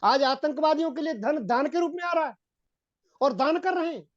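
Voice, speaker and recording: A man giving a Hindi-accented sermon on Vedic philosophy, repeating phrases and often addressing his listeners as gentlemen. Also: very high voice, normal speed, dry recording. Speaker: Vedic preacher. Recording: dull, dry lo-fi recording.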